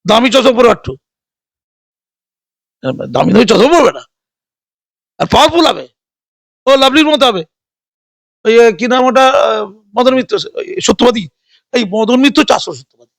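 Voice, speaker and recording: A man's voice: very high voice, animated, normal speed, creaky, long pauses, no room sound. A man giving heated, sarcastic political commentary, firing rhetorical questions. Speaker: political interviewee.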